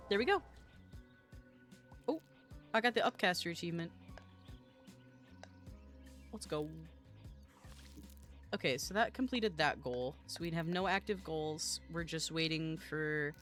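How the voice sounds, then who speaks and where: A streamer chatting casually with viewers while playing, giggly and quick to apologize. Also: medium pitch, fairly bright tone, faint music behind. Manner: chatty, giggly, self-deprecating, talks to chat while playing. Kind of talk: casual game-streaming chat.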